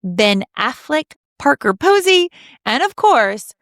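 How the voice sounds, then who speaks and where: A woman in her thirties with a Southern American accent, co-hosting a film podcast in a chatty, animated way with quick restarts. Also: high voice, no room sound, studio quality. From Southern United States. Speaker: podcast co-host. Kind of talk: casual film podcast chat.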